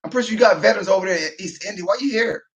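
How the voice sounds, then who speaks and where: A man, a military veteran, talking in a loud, profane, casual monologue, breaking into laughter as he goes. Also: high-pitched, rapid-fire. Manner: loud, profane, laughing asides, animated rant.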